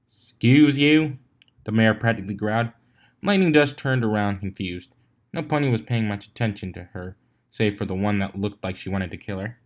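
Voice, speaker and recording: A man with a fairly low voice reads fan fiction aloud a little fast, narrating expressively and giving the characters their own voices. Now and then he stumbles over a word and corrects himself.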